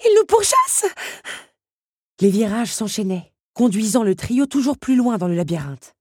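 A woman's voice: medium pitch, expressive, warm tone, breathy edge, dry recording, clean studio sound. A woman narrating a storybook aloud in a dramatic, varied way. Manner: dramatic, varied, quickening in action. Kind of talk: storybook reading.

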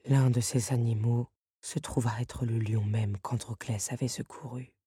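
A woman's voice: steady tone, unhurried, dark tone, husky, no echo, studio quality, full character voice. A woman voicing the Beast, a proud, bitter male creature, in an audiobook reading. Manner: bitter, low and curt.

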